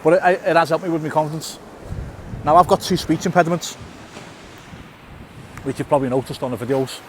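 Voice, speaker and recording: A middle-aged YouTuber with a lisp and a stutter chats casually to camera while walking through a town past a tunnel. His voice sits a little high and moves briskly, with slight background noise. He stutters, repeats and restarts words, and uses fillers in this walk-and-talk vlog.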